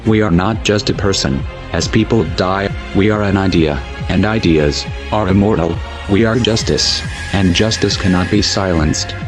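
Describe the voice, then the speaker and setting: A man with a disguised, pitched-down deep voice delivering a solemn, declamatory scripted narration. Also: moderate pace. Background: music.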